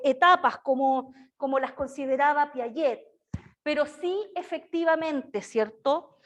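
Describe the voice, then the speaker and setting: A woman lecturing to a class of students, her voice pitched high. She keeps checking that the class follows with little tag questions. Now and then she shifts into a sing-song baby-talk voice to act out examples. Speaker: university lecturer in early childhood education.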